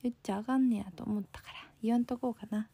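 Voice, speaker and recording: A woman's voice: a little high, fairly even intonation, fast talker, warm tone, breathy edge. A young woman with a Kansai accent, casually chatting on a live stream, reading comments and thanking viewers, a bit sleepy. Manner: bubbly, thanks viewers often. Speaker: livestream host.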